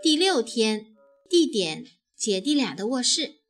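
A woman narrating a children's story in an expressive, animated way. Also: fairly high pitch, a little slow, over loud music.

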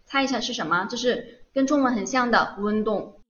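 A woman's voice: fairly high pitch, normal speed, a bit bright, lo-fi sound. Patient woman teaching Korean. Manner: patient, asks and answers her own questions. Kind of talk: online live lesson.

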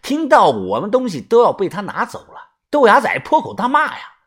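A man narrating a first-person adventure story as an audiobook, in an animated storytelling manner. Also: high voice, brisk, slightly rough. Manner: animated first-person tomb-raiding tale telling.

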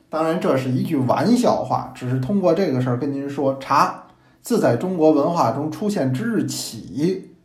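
Guy telling an old story, voice bouncing all over, a bit high, echoey room. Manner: lively, animated, playful asides to listeners. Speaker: teacher and storyteller. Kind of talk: storytelling in traditional narration style.

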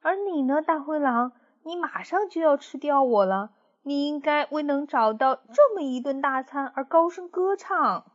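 A woman voicing a meek but clever sheep who speaks in a high, soft, pleading voice. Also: lively intonation, normal speed, dull audio.

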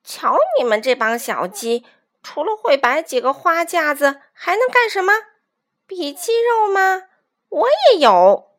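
A woman's voice: high voice, sing-song, measured pace, voice pushed up. A woman voicing a sneering, boastful male weasel who taunts chickens in a storybook reading. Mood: taunting. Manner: taunting, mocking.

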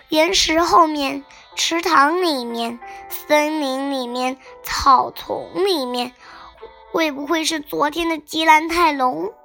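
A woman reads a children's bedtime story with a high, bright voice and a slight gravelly edge. Her delivery is soft, slow and sing-song. Gentle music plays beneath her.

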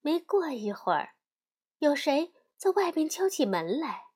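A woman storyteller host narrating a fairy tale as a gentle bedtime story for children. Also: sits high, sing-song, a little slow. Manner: gentle, addresses child listener.

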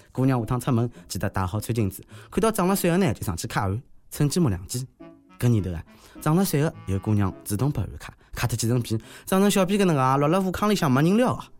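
A man's voice: medium pitch, darkish tone. A man with a Shanghai accent hosting a podcast, giving humorous news commentary in a joking, teasing manner. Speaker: host of a comedy news podcast.

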